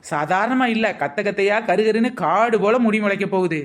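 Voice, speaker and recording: A woman playing a crafty young village shop girl with a pitch for everything. Her wisecracking sales patter comes, in a mid-range everyday voice for a scripted comedy skit. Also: moderate pace, close to an everyday voice. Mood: sly. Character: scheming young village shop girl selling hair oil. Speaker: shopkeeper.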